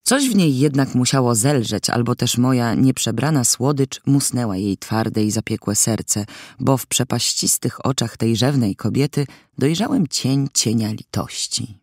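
A man's voice: medium pitch, lively intonation, a little slow, a little mellow, no room sound. A man narrating an audiobook in the first person, in a wry, mock-solemn storytelling manner, recorded in a studio.

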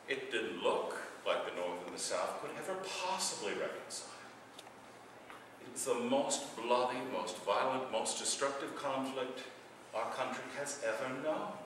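Animated preaching man in echoey church. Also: mid-range voice, far from the mic, background noise. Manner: animated preaching with big swings from loud to hushed. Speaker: priest. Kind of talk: sermon. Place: church sanctuary. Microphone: far camera.

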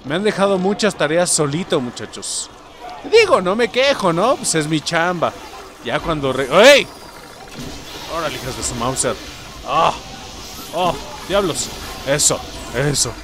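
A young man with a Mexican accent, joking and yelling through a let's play of a video game. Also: fairly high pitch, unhurried, long pauses. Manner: excitable, jokey, yells at enemies. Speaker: gaming YouTuber.

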